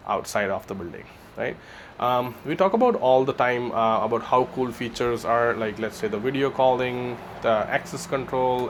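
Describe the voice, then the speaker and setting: A security installer presents a product informally, explaining as he goes and often tagging his points with a questioning "right?". His voice is average in pitch, recorded on location at a building entrance with faint but clear background noise.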